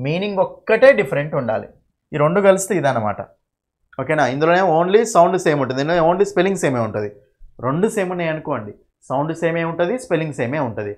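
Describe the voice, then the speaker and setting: Male teacher checking "okay?". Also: fairly high pitch. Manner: explains step by step with frequent "okay?" checks. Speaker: English teacher. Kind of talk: exam-prep grammar lesson.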